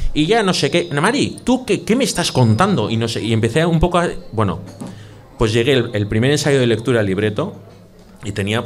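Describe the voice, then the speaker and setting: A Basque podcast host with a mid-range male voice talks casually. He jokes, teases his guest and launches into his own anecdotes. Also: mid-range voice. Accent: Basque Spanish. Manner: jokey, teasing, tells anecdotes. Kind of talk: casual chat.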